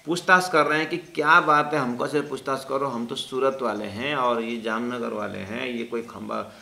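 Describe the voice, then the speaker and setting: Gravelly-voiced male teacher telling a story. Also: mid-range voice, steady tone, normal speed, bright, forceful tone. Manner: rambling, with self-corrections and hesitant fillers. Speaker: religious teacher. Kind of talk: anecdotal storytelling in a class. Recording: roomy echo, faint background noise.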